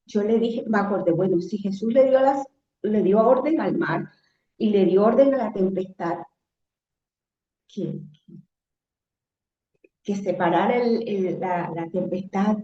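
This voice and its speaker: A woman giving an emotional personal testimony, animated and acting out her own shouts as she tells it. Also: mid-range voice. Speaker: interviewee sharing a near-death testimony. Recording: echoey room, dull lo-fi sound.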